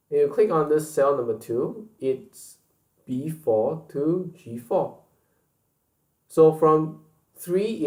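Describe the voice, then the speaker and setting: Slow, patient man teaching a software lesson. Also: medium pitch, roomy sound. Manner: slow and patient, repeating key points. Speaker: instructor. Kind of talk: screen-recorded software tutorial.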